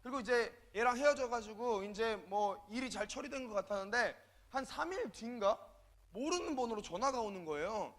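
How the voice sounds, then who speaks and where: A high-pitched man giving a storytelling sermon as a youth minister. He acts out the people in his story, dropping to quiet asides and then jumping up to loud, punchy lines. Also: a little fast. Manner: animated, acts out quoted dialogue, swings between loud and soft.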